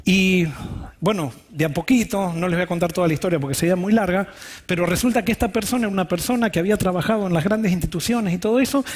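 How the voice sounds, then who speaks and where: Husky high-voiced pastor. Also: male voice, fast talker. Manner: candid personal storytelling. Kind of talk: sermon.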